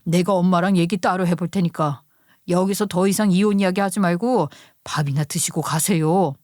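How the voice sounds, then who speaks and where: A woman's voice: on the low side, fairly even intonation, moderate pace, darkish tone, no echo, studio quality, pitched below the performer's own voice, natural voice. A woman voicing a flustered husband who sounds exasperated and pleading. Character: flustered husband caught between wife and mother.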